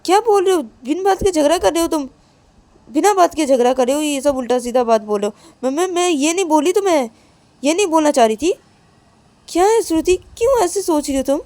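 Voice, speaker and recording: A woman's voice: high voice, expressive, a little fast, dark tone, no room sound. A woman voicing a young wife in a story who argues, scolds and repeats herself. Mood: indignant. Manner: scolding, repeats her words. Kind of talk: storytelling with acted dialogue.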